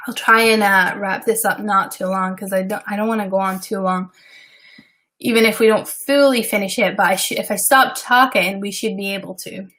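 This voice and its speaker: A Scottish web designer hosts a live stream, chatting casually and rambling through her work session with frequent fillers and asides. Her voice is medium-pitched and a bit bright, with a steady tone and moderate pace.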